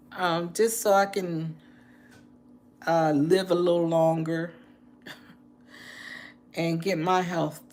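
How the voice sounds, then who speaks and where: A woman in her late sixties speaks to her live-stream viewers in a slow, unhurried way. She sounds heartfelt and a little preachy, and she circles back to the same phrases to press her point home. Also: on the low side, darkish tone, a little hiss or hum. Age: 60s. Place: indoors, apartment.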